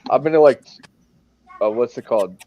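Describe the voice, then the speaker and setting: A man's voice: mid-range voice, animated, brisk, a crowd in the background. A man who drives trucks, chatting casually and rambling with lots of "like" and frequent laughs. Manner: rambling, heavy on "like", laughs often. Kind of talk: casual group chat. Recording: dull lo-fi recording.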